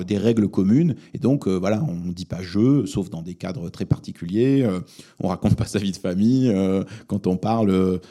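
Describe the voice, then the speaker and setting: A man born in Lebanon speaks in a low, very dark voice. He is a journalist giving thoughtful interview answers and often pauses to search for words. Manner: thoughtful, many hesitations and fillers. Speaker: journalist and podcast host, guest here.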